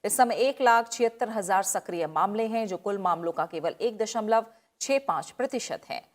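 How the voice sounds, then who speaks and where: A woman news anchor reading headlines in a steady, measured delivery. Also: mid-range voice.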